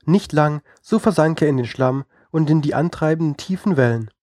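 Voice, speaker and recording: A man reading a fairy tale aloud in a calm, even storytelling manner. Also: fairly high pitch, normal speed, no room sound, clean studio sound. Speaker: narrator.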